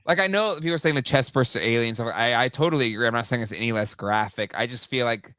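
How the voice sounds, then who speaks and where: A man's voice: medium pitch, fast talker, sharp tone, no room sound, studio quality. A man hosting a casual talk show, rambling with lots of fillers and restarts. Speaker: podcast host. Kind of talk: casual chat.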